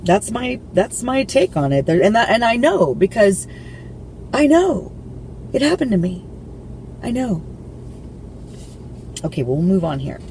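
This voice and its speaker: An earnest speaker reads a psychology text aloud and keeps stopping to add personal remarks, pressing hard on key words and circling back over phrases. The voice sits at a middling pitch. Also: very animated, measured pace, pauses often, darkish tone, a little hiss or hum, rough recording. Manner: earnest, emphatic, repeats and restarts phrases. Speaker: reader sharing personal story.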